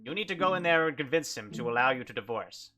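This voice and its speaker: A man's voice: medium pitch, animated, fast talker, pushed and bright, soft background music. A man voicing a group of indignant wives who bossily insist on a divorce. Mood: insistent.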